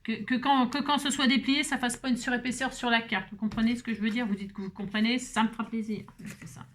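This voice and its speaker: Chatty French woman, a bit hoarse. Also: on the high side, steady tone, quick pace. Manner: rambling, talks to viewers while working, many fillers. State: slightly hoarse voice. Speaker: crafting tutorial host. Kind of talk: chatty crafting tutorial.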